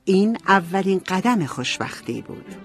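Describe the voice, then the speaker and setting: A woman narrating a storybook in an even, clear storytelling manner. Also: mid-range voice, faint music behind. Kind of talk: storybook reading.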